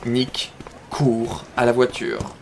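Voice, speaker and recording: A man's voice: mid-range voice, monotone, slow, vocal fry, slight background noise. A man narrating an audio drama from a script, describing scenes.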